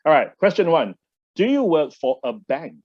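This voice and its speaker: A man hosting a relaxed interview in a friendly way, leading his guest through questions. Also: on the high side, moderate pace, dry recording. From Australia. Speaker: interview host. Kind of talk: casual interview. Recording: dry, dull-sounding mic.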